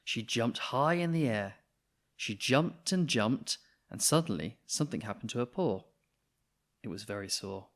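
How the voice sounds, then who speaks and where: In an unhurried, mid-range voice, a man brings a children's picture book to life, reading it aloud with expressive storytelling.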